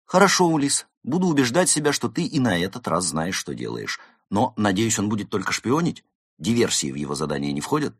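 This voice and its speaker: A man voicing an irritable male cat who talks loudly and sarcastically. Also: on the low side, sing-song, brisk, husky, no room sound, studio quality, voice pushed up. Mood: doubtful. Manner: exasperated, loud, sarcastic. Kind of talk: audiobook character voice.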